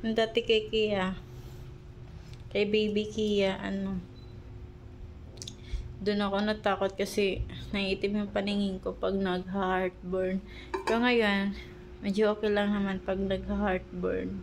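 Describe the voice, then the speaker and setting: A woman's voice: mid-range voice, flat delivery, takes it slowly, long pauses, slight background noise. A young pregnant woman chatting casually to her vlog viewers, rambling and searching for words with many fillers, a little short of breath. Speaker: vlogger.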